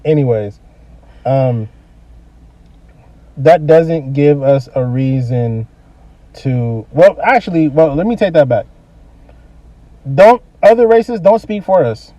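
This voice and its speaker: Fired-up guy on a home podcast, dark tone, sounds a bit far and muffled. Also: a little high, animated, takes it slowly, long pauses, no echo. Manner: angry, blunt, profane. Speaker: podcast co-host. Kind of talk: casual heated podcast talk.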